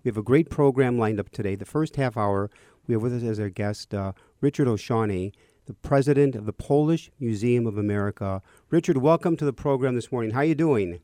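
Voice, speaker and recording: Older male priest-host for a talk radio slot: dark, mellow tone, dry close sound, chatty and friendly. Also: mid-range voice, fairly quick, no echo. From Chicago area. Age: 60s. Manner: chatty, reminiscing.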